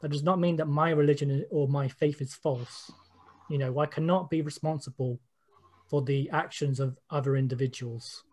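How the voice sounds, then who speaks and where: A British man on a panel offers personal testimony in an informal discussion, opinionated and repeating phrases for emphasis. His voice is a little high and mellow, with a steady tone at a moderate pace.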